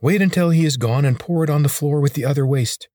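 Loyal little lizard, anxious, voiced high by a male narrator. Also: fast, mellow, no room sound, clean studio sound, lightly acted. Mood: urgent. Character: small male lizard creature, urgent, loyal.

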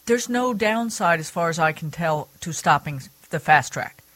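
A woman hosts a radio talk show in a chatty, upbeat way, with a slightly low voice. Her speech swings up and down in pitch. The studio sound is dry and close. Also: normal speed, dry recording. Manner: chatty, laughs easily, lively pitch swings. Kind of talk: casual radio interview chat.

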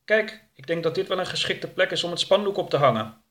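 A man's voice: high-pitched, animated, a little fast, pushed and bright, pitched above the performer's own voice. Man voicing a curt, guarded woman. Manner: curt, dismissive. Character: guarded middle-aged woman organizer, curt.

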